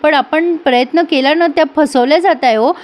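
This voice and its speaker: A gentle young woman speaks earnestly and tries to soothe, as a woman retelling the story puts her on. The voice sits high. It is told as a casual serial recap. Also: fairly quick, natural voice.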